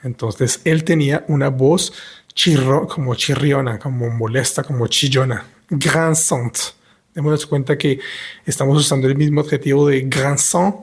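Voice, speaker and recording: A man with a somewhat husky, breathy voice gives a patient language lesson. He explains slowly, pausing often as he reads short lines and translates them. His pitch sits in an ordinary middle range. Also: fairly even intonation. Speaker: French teacher.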